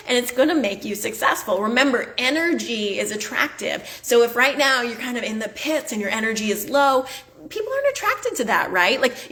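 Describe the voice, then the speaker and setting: Blunt, higher-voiced woman motivational host. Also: sharp tone. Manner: blunt, emphatic, swears casually; chatty, many "like" fillers. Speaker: podcast host and business coach. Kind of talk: motivational podcast monologue.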